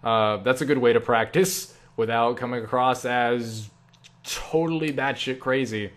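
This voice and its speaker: In an unhurried, mid-range voice, the young creator rambles through viewer questions with a self-deprecating, casual air. Animated asides with acted-out quotes pepper his answers.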